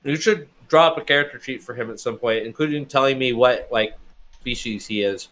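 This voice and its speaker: A man's voice: mid-range voice, fairly quick, fairly bright tone. A young man running a tabletop game, casual and rambling with many fillers. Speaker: game master.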